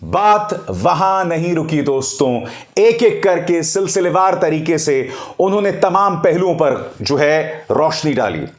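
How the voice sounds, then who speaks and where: A male news commentator delivers pointed political commentary in a fairly high voice, leaning hard on each point and calling out to his audience as friends. The sound is roomy, with a noticeable echo around him. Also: expressive, a little slow. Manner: emphatic, often addresses viewers as friends.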